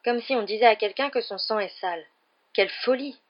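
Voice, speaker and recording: A woman voicing an indignant twelve-year-old wizard boy in a storybook reading, in a higher, heated voice, with a dull lo-fi sound. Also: brisk, close to an everyday voice. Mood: disgusted.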